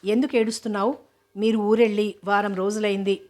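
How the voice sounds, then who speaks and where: A woman voicing a hurt, indignant young woman who speaks reproachfully and a little louder than her narration. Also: medium pitch, little pitch movement, brisk, close to an everyday voice.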